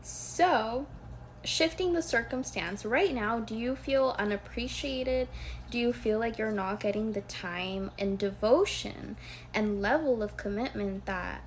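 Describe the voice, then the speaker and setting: A woman's voice: on the high side, a little slow. A woman hosting a casual live coaching stream during a thunderstorm, addressing her listeners directly with questions. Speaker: live-stream host, manifestation coach and tarot reader. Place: indoors, thunderstorm outside. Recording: noisy room sound, thunder outside.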